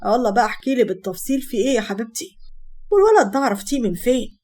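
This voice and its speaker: A fast, bantering older brother in an Egyptian Arabic storybook tale, voiced by a woman narrator. He teases his little sister with affection and guards her like a father, his voice sitting fairly high. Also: very animated, darkish tone. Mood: teasing. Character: teasing protective older brother, young man.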